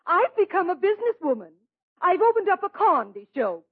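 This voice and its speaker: An effusive, self-pleased lady in a vintage radio comedy. Her voice is very high and theatrical. The recording is thin and tinny. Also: sing-song, fairly quick, exaggerated voice. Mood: gushing, airy. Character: gushing, airy, self-pleased comic lady. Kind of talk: old-time radio comedy acting. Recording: tinny band-limited old radio recording.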